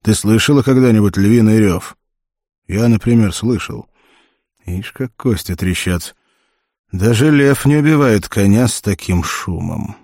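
A gruff, fearless barbarian warrior, as a male narrator voices him speaks in short, blunt, scornful phrases. The voice is deep and warm, set down dry and close in an audiobook. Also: unhurried, no room sound.

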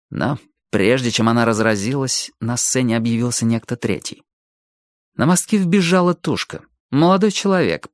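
A man reading an audiobook aloud with lively, animated expression. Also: medium pitch, dry recording, studio quality. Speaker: audiobook narrator.

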